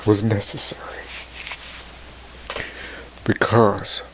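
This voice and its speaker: Slow, gravelly man in his forties, tearful. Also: fairly low pitch, level tone, fairly bright tone. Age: 40s. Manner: slow, halting and tearful, voice dropping to near whispers. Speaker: motivational vlogger. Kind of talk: emotional personal talk to camera.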